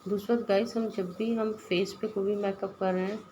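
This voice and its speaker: A woman's voice: medium pitch, fairly even intonation, normal speed. Hindi-speaking woman, noisy tutorial voice-over. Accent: Indian Hindi. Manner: explanatory, addresses viewers as guys. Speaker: makeup artist. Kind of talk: step-by-step makeup tutorial voice-over.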